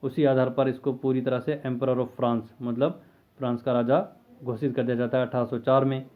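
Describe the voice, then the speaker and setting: Teacher, male, mid-pitched, explains step by step with rhetorical questions; tinny phone-like sound. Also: little pitch movement, normal speed. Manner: conversational, asks and answers his own questions. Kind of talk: explaining a history lesson.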